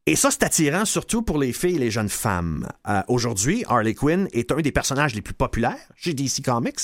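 A man's voice: medium pitch, very animated, brisk, dry recording, studio quality. A man, a radio columnist chatting casually and teasing his co-host, with many fillers.

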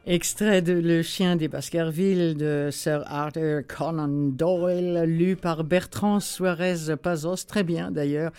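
A woman's voice: sits low, fairly even intonation, takes it slowly, few pauses, a little mellow. Female radio host presenting audiobooks, chatty and enthusiastic. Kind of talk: radio book show presentation.

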